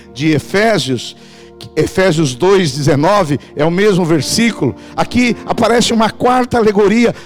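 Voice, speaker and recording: A man preaches with a strikingly high voice, pressing his congregation to answer back. Soft music sits faintly under his sermon in the church. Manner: emphatic, calls the congregation to respond. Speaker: pastor. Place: church in Portugal.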